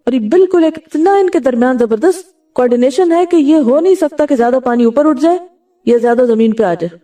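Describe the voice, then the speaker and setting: Woman scholar, sermon delivery, mellow tone, mic at a distance. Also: high voice, a little fast. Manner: asks the audience questions and answers them herself; recites Arabic verses and hadith, then explains them. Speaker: Islamic scholar giving a religious talk.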